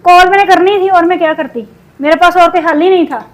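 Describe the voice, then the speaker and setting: Woman from Pakistan, very high voice, upset, sore throat, cooking vlog chat. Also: fast, rough recording. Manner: upset, venting while cooking. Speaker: cooking vlogger.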